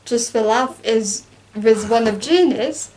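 A young woman, talking in a bright, slightly high voice. She chats about a film with lively energy and slips into quick impressions of its characters. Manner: chatty and animated, acts out quotes with laughs. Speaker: co-host. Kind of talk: casual chat reviewing a film.

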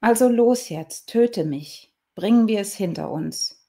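A woman's voice: mid-range voice, expressive, a little slow, warm tone, pitched above the performer's own voice. A woman playing a defiant young woman. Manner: stubborn, questioning.

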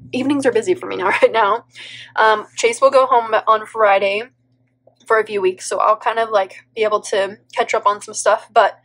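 Her mid-range, fairly bright voice is stuffed up from allergies as this thirtysomething teacher and planner vlogger chats through a plan-with-me voiceover. She muses aloud, dropping "like" often and laughing lightly, at her home table beneath an overhead camera aimed at her planner. It's a rough recording.

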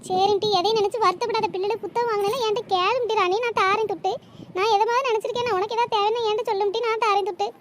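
A woman's voice: extremely high pitch, fairly even intonation, rapid-fire. A woman voicing a bossy but caring village neighbor in a cartoon, lecturing. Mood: consoling. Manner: scolding, lecturing. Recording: noisy cartoon voice track.

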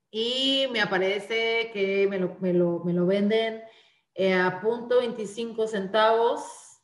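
A woman's voice: mid-range voice, echoey room. A woman instructor giving an online class presentation with slides, explaining step by step with frequent "eh" fillers and restarts.

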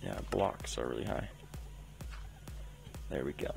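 A man's voice: rumbling low, expressive, a little slow, vocal fry. A young man casually narrating his own gameplay at home, chatty and prone to interrupting himself. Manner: chatty, self-interrupting play-by-play. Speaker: gaming channel host. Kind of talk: casual game commentary. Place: home room. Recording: faint background music.

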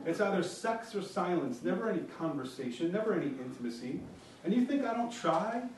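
A man's voice: sits high, sing-song, a little fast, warm tone, slight background noise, pitched above the performer's own voice. A man reading the lines of a frustrated wife in a whispery, strained voice. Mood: pleading. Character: frustrated wife pleading with her husband. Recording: very echoey room, mic far off.

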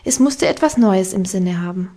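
A woman narrating a classic children's novel as an audiobook, with calm, even storytelling. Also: mid-range voice, moderate pace. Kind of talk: scripted narration.

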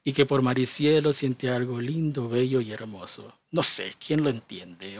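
A man's voice: mid-range voice, creaky. A young man casually commenting on a reality show and asking his viewers for their opinions.

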